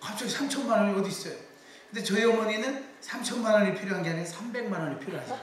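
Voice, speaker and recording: His voice sitting high and his pace very fast, a middle-aged man lectures about public speaking. He livens it up with stories and quoted voices, and the echoey hall makes him sound distant.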